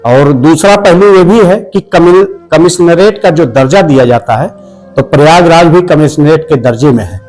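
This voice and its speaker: A man from India, a senior journalist, answering an interview in a measured, deliberate way. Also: a little high, a little mellow, faint music behind, poor audio.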